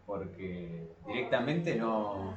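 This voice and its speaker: In an echoey, reverberant room, a podcast host with an Argentine Spanish accent rambles through informal explanations during a casual debate, often correcting himself. His lowish voice is animated but slow-paced, and the highs are cut off.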